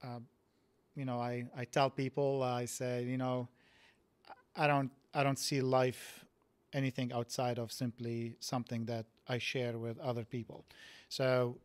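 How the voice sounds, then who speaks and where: A man in his forties from Lebanon talks slowly and thoughtfully as a podcast guest, circling back and restarting his sentences. His pitch sits in the middle range, and the studio sound is close and dry with no room echo. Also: flat delivery. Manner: reflective, halting with many restarts. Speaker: podcast guest, physics professor. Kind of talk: casual interview talk. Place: studio set with dark curtains. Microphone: boom mic on stand.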